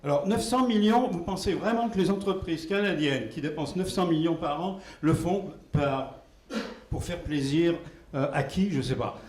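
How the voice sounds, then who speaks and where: A man speaking at a conference question period, making a deliberate, argumentative point with fillers. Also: on the high side, darkish tone. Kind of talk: Q&A discussion. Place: conference hall. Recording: echoey hall with faint noise.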